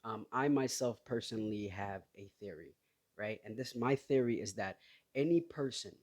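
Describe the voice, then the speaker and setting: A man in his thirties from Somalia, hosting his own podcast and talking in a halting, personal way full of restarts. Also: on the low side, a little mellow. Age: 30s. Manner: hesitant, halting, with many restarts and fillers. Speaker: podcast host. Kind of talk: casual solo podcast talk.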